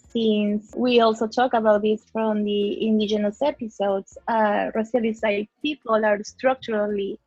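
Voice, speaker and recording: A woman's voice: medium pitch, dry recording, highs cut off. A young woman from Peru, a guest speaking earnestly in a casual discussion and using many fillers. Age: young adult.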